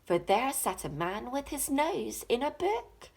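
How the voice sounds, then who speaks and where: A woman narrates a children's picture book with dramatic, rhythmic delivery. Her voice is fairly high and slightly husky, swinging widely in pitch as she takes the rhymes slowly. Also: big pitch swings. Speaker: teacher reading a storybook.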